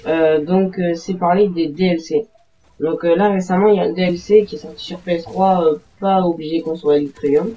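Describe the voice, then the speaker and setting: A man's voice: high voice, fairly even intonation, fairly quick. A man giving casual gameplay commentary as a voice-over, rambling hesitantly with many fillers and self-corrections. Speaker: gaming video maker. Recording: dull lo-fi home recording.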